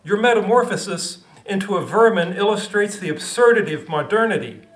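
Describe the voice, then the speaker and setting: A man's voice: high voice, expressive, brisk, roomy sound, pitched above the performer's own voice, low-quality recording. A man voicing a stern male author who lectures in an insistent, exasperated way. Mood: lecturing.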